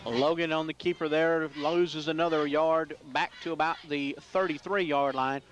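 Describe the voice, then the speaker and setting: A man calling high school football play-by-play, building up loudly on big plays. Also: normal speed, slight background noise. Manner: excitable in big plays, rising loud. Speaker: play-by-play announcer.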